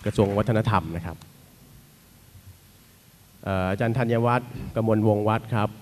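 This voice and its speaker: A man moderating an academic seminar, introducing the panelists in a polite, unhurried manner. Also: on the low side. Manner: polite, unhurried, frequent particle "na khrap".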